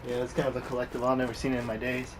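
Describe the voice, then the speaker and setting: A man's voice: mid-range voice, little pitch movement, very fast, a little hiss or hum. A young man chatting casually with a friend about the game he is playing, teasing him and giving tips. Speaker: friend watching the stream. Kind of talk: casual chat.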